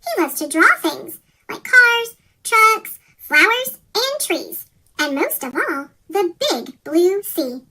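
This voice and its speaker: A reader of a rhyming children's picture book, voice pitch-shifted into a chipmunk effect, reading in a sing-song way. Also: very animated, slow, bright, forceful tone. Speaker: storybook reader.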